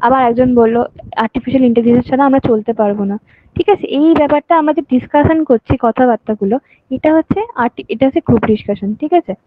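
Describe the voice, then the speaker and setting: A woman's voice: fairly high pitch, fast, no room sound. A woman tuition teacher, giving an online lecture and often checking that students follow. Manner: repeats points, asks "ঠিক আছে?" often. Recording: tinny phone-like audio.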